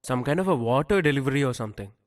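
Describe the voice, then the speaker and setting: A man's voice: mid-range voice, animated, racing, lightly acted. A man dubbing a cheerful, teasing husband and father in a film. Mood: breezy. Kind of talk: dubbed film dialogue.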